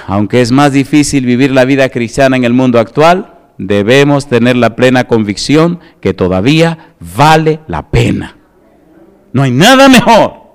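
A man's voice: mid-range voice, normal speed, few pauses, clean tone. A middle-aged male pastor preaching a sermon, emphatic and firm, who keeps putting rhetorical yes-or-no questions to the congregation.

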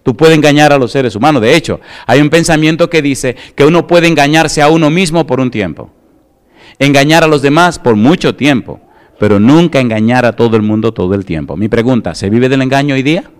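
A man's voice: medium pitch, a little fast, smooth. A middle-aged male pastor preaching a sermon, emphatic and firm, who keeps putting rhetorical yes-or-no questions to the congregation.

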